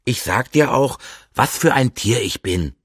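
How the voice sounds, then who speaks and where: A man voicing a cheeky, playful young male rabbit in a storybook, with a high, bouncy, teasing voice. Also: expressive, measured pace, no room sound, studio quality. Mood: coaxing.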